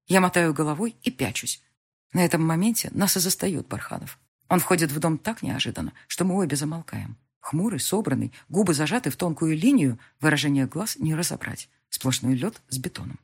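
A woman reading a first-person audiobook in a husky, somewhat breathy voice. She sits fairly low in pitch but moves her intonation around a lot. The storytelling is expressive. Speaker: audiobook narrator.

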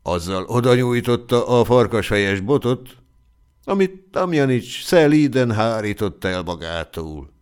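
A man narrating a classic short story for an audiobook, in a measured storytelling manner. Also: medium pitch, animated, a little mellow, clear, resonant tone. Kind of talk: scripted narration.

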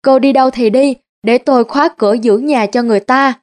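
A woman's voice: a little high, fairly quick, a little mellow, close to an everyday voice. A woman voicing a sly, conniving middle-aged man who talks in a smug, sneering way, close to her own voice.

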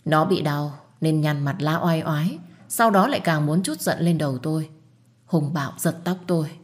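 A woman with a lowish voice narrating a family drama in the first person. She keeps a steady, emotive storytelling flow and turns firm and defiant when her character speaks up. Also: moderate pace.

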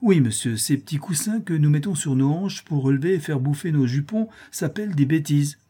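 A man's voice: on the high side, animated, fairly quick, warm tone, husky. A man voicing a dismissive aristocratic countess with a dry manner.

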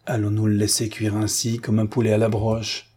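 A man's voice: lowish voice, completely flat delivery, moderate pace, dark tone, slightly rough. Man voicing a muttering, appalled young officer.

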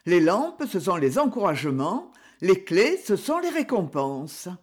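A woman voicing a refined, erudite male collector who speaks politely and with gentle self-deprecation, in an audiobook reading. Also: fairly low pitch, sing-song, measured pace, slightly rough, exaggerated voice. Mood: courteous.

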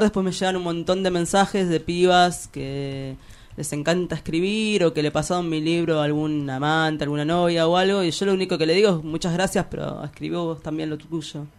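A young Argentine poet with a Rioplatense accent is the guest in a casual interview, talking in a rambling, hesitant, slangy way and giggling often. Her voice is fairly low, darkish, clear and resonant.

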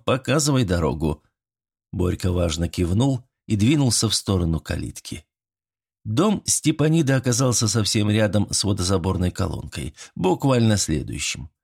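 A man reading a first-person audiobook story, with expressive storytelling and dry wit. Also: on the low side, vocal fry, breathy edge. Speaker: audiobook narrator.

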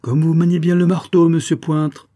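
A man's voice: mid-range voice, moderate pace, warm tone, husky, close to an everyday voice. A man voicing a cool, bold detective who speaks coldly and teases his opponent in a storybook reading. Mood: mocking. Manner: cold, teasing and self-assured. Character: cool, sly male detective, mocking and bold.

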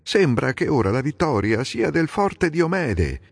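A proud older king talks in a raised, testy voice, as a man puts him on for an audiobook. His pitch climbs and falls a great deal. Each phrase leaves a long reverb tail. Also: sing-song, a little slow, vocal fry, breathy edge, exaggerated voice. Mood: uncertain. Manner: peering, uncertain, then testy. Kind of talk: dramatic audiobook reading.

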